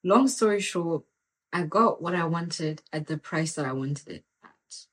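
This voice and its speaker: Earnest woman with a lowish voice. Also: a little slow, poor audio. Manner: earnest and animated, full of "like" and "come on". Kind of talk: casual faith talk with personal story.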